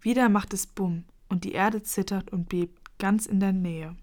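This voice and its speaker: A woman reading a children's story aloud in a lively, expressive way. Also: mid-range voice, unhurried.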